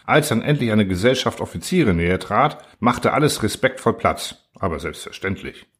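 Husky low-voiced male narrator. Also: lively intonation, moderate pace, a bit bright. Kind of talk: audiobook narration of a literary story.

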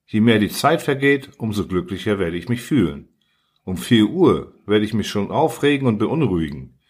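A man voicing a patient, wistful male fox in an audiobook reading, earnest and coaxing, slightly husky. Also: lowish voice, sing-song, normal speed. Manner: earnest, coaxing, explaining tenderly.

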